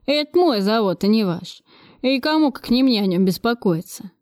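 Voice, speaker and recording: A woman reading an audiobook, voicing a furious, gruff middle-aged male factory director who curses and shouts. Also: on the high side, lively intonation, moderate pace, dry recording, clean studio sound, natural voice. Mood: grumbling.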